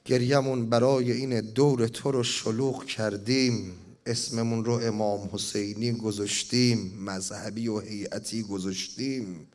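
Man preaching a mourning sermon, chants it, swings from hushed to loud cries. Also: fairly low pitch, steady tone. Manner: chanting, rising to impassioned cries. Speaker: preacher reciting a mourning elegy. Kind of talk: mourning sermon with recited elegy.

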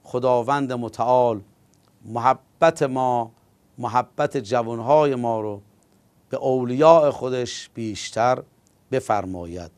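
A male preacher tells a religious story in a solemn sermon and slowly draws out his key words. His voice is smooth and resonant, mid-pitched, and recorded close and dry with no room sound. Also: darkish tone, no room sound.

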